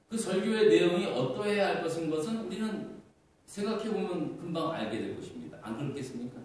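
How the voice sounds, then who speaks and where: A middle-aged male pastor delivering an earnest sermon, asking rhetorical questions and using fillers. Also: high-pitched. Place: church sanctuary. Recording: echoey church hall, far from mic.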